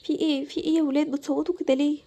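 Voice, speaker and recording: A woman's voice: sits high, flat delivery, racing, dark tone. A woman with an Egyptian Arabic accent voicing a caring, patient mother of two girls, talking in a soothing, motherly way. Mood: alarmed. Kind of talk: storytelling with a toy game.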